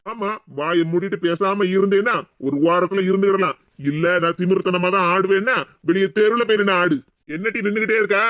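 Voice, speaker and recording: A man voicing a bossy older husband in a cartoon, gruff and commanding, with a southern Tamil Nadu accent. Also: sits high, steady tone, fairly quick, no room sound, close to an everyday voice. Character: bossy older husband and father-in-law turned stern. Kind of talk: cartoon voice acting. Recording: dull, dry lo-fi sound.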